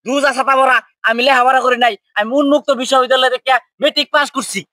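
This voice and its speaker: A man plays a foolish water spirit in a village comedy skit, in a very high, bright voice with a rural Bangladeshi accent. He is pompous and mock-solemn, easily provoked into bickering, and recorded dry. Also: steady tone, quick pace, dry recording.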